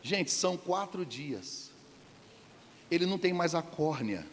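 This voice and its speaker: A man's voice: fairly high pitch, sing-song, a little slow. A man preaching a humorous sermon, joking and questioning the congregation. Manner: playful, jokes and asks the congregation questions. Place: church hall. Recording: church hall reverb, faint background noise.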